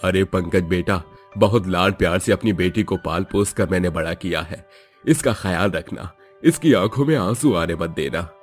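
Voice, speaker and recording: A man voicing a caring middle-aged father of the bride who speaks gently. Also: sits low, moderate pace, soft background music, natural voice. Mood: gentle.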